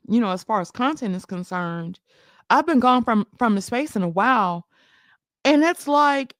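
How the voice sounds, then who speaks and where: A woman's voice: a little high, no echo, clean studio sound. A woman, hosting a casual commentary stream, sassy and laughing, firing off emphatic rhetorical questions.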